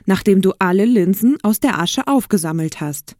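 A woman's voice: medium pitch, lively intonation, moderate pace, darkish tone, dry recording, clean studio sound, natural voice. A curt, cold stepmother, read by a woman. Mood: dismissive. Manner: curt, dismissive. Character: cold, stern middle-aged stepmother.

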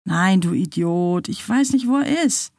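Brief: a scared, tearful young girl, raised and breathy, as a woman storyteller puts her on. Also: lowish voice, lively intonation, measured pace, a little mellow, no room sound, studio quality. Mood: frightened.

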